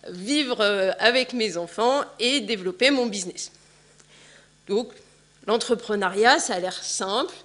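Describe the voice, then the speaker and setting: A bright-ish, mid-range woman's voice: a French woman in her forties gives a chatty conference talk in a large hall, her speech full of fillers.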